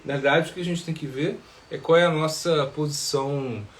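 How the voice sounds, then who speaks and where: A man, a monk, answering questions in a live spiritual talk, pausing often with filler sounds and tag questions. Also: fairly high pitch, steady tone, slight background noise.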